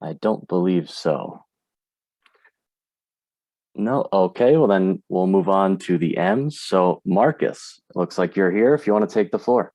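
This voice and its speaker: A man hosting an online call, relaxed and friendly as he passes the floor to each speaker. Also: sits low, measured pace, dry recording. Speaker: host. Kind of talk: moderating a voice chat.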